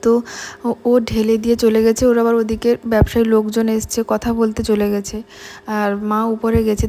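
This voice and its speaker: Chatty young woman with a mellow voice. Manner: chatty, confiding, often lowers her voice. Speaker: vlogger. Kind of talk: casual chat to camera. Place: family home.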